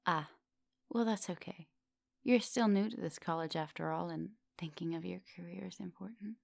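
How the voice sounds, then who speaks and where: Up close on the microphone, a woman plays a seductive vampire professor in an intimate ASMR roleplay, hungry yet gentle and polite. She murmurs and whispers breathily, coaxing with pet names in a sated, caring mood. Her voice is lowish and moderately paced, with no room sound.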